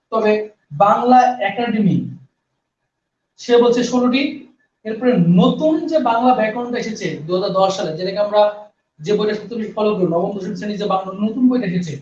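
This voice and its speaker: A man's voice: sits high, a little mellow, a little hiss or hum. A male teacher giving a grammar lesson, asking questions and answering them himself and repeating key points. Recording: echoey, distant, dull sound.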